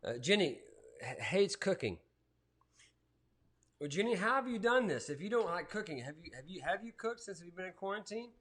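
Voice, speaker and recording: Viewer comments get read aloud by a relaxed, chatty man in his forties who co-hosts a casual cooking show streamed live from his home kitchen. His voice sits high, and he talks at a normal speed.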